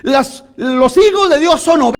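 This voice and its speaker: Man, very high voice, sermon, animated, addresses congregation. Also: normal speed. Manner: animated preaching with frequent audience prompts. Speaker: preacher.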